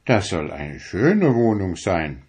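A man's voice: deep voice, big pitch swings, slow pace, a little mellow, breathy edge, full character voice. A man voicing a kindly, magical Sandman in a storybook reading, in a friendly, reassuring voice.

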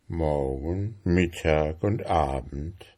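A man voicing a slow, bewildered male beetle in a storybook reading, musing to himself. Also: very deep voice, mellow, heavily acted.

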